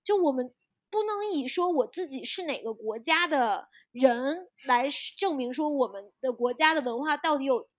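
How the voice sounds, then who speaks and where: Podcast co-host: a woman from China, high-pitched and emphatic, recorded dry. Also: animated, moderate pace, dry recording. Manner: emphatic, impassioned. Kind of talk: casual conversation.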